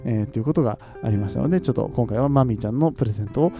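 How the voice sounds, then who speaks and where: A man from Nagoya, Japan, hosting his podcast in a relaxed, chatty way, often chuckling and asking listeners questions. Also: mid-range voice, very fast, music in the background. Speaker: podcast host. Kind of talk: casual solo chat.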